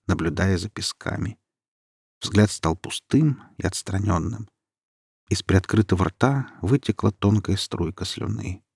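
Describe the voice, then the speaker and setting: A man narrating a scripted horror story in a measured, grim manner. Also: fairly low pitch, a little mellow, husky, no room sound, clean studio sound.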